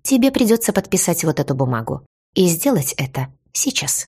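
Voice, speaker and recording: A woman's voice: on the low side, sing-song, fairly quick, darkish tone, breathy edge, heavily acted. A treacherous young woman in a spoken story, with a ringing voice and a smug, taunting edge, as the woman narrating puts her on. She sneers at the heroine with open contempt.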